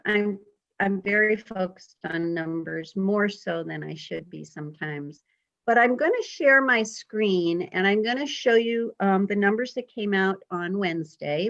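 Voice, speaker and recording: A woman's voice: mid-range voice, fairly bright tone, lo-fi sound. Chatty woman in her fifties on a video call. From Vermont. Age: 50s. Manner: friendly, chatty, frequent ums and uhs. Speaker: guest speaker, health emergency preparedness specialist. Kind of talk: informal presentation on a video call.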